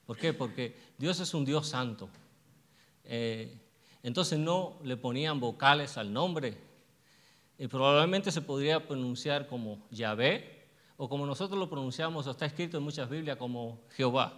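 A man's voice: medium pitch, a bit bright. Man preaching in an echoing hall. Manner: asks the congregation questions and answers them himself; slows down to stress verses. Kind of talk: sermon. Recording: long hall reverb.

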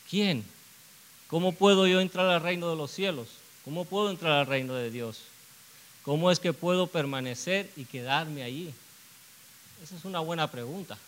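A man's voice: a little high, normal speed, fairly bright tone, a little hiss or hum, low-quality recording. A man preaching a sermon, earnest, asking rhetorical questions and repeating phrases for emphasis.

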